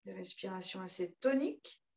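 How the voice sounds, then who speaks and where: A woman teaching a yoga class, giving calm, guiding cues and chanting rhythmic breath sounds. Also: medium pitch, moderate pace, low-quality recording. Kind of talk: guided yoga class instruction.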